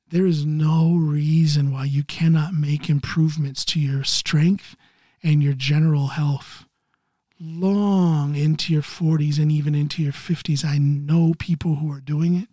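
A man in his early fifties from Ohio, hosting a solo podcast while recovering from neck surgery, talking haltingly and clearing his throat often. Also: a little high, warm tone, no room sound, studio quality. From Ohio, USA. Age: 50s. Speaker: podcast host. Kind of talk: casual solo podcast monologue.

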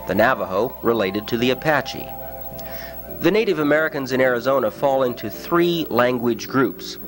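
A man giving scripted documentary narration in a measured, explanatory way. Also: mid-range voice.

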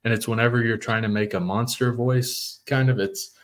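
A man's voice: medium pitch, little pitch movement, normal speed. A man co-hosting a podcast, chatting casually and meandering as he searches for words. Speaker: podcast co-host. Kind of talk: casual chat.

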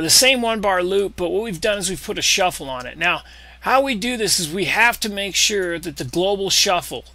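A man giving a casual, profane screen-recorded tutorial on music software, explaining settings step by step. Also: high-pitched.

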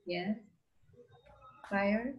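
A woman's voice: medium pitch, drawn-out words, highs cut off. A woman teaching English online with a Vietnamese accent, patiently dictating and spelling words letter by letter. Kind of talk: slow dictation lesson for a child.

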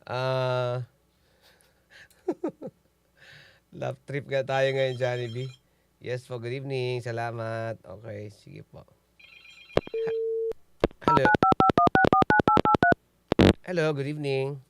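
A man's voice: mid-range voice, steady tone, drawn-out words, vocal fry, pauses often, clean tone. A man hosting a call-in radio show, teasing callers and laughing often. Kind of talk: playful call-in radio banter. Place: radio studio.

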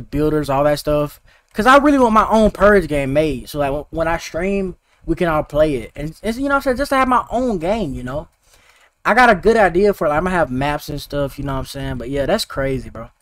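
Talking to chat during a live game stream, this teenage boy sounds laid-back and slangy. His voice is fairly bright and on the high side.

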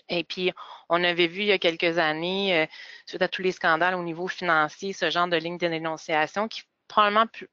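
A woman presents a webinar, measured and full of hesitations. Her voice sits a little low and comes through dull, lo-fi and very dry. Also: a bit bright, dry recording.

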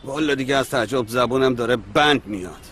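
A man's voice: mid-range voice, a bit bright, a little hiss or hum, natural voice. A man dubbing a sarcastic, defensive brother-in-law.

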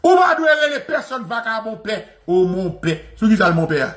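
A man with a Haitian accent in a fiery, mocking religious rant, repeating insults and shouting. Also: high voice, big pitch swings, moderate pace. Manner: mocking, shouting, repetitive, laughing scornfully. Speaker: radio commentator.

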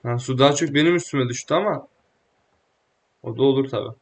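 A young man giving casual, joking let's-play commentary, excitable and slangy, often talking back to the game. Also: medium pitch, quick pace. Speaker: gaming YouTuber.

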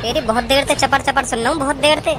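A woman's voice: high-pitched, fairly even intonation, lightly acted. A woman voicing a brash, quarrelsome village man on a train, threatening and coarse in a comic sketch. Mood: menacing. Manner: threatening, coarse, rapid scolding. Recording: music playing loudly underneath.

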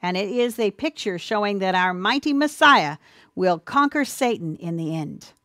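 A woman giving an earnest, sermon-style Bible teaching, speaking warmly to listeners as dear ones, with a few ums and restarts. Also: medium pitch, lively intonation, normal speed, dry recording, studio quality. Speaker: presenter of a church teaching.

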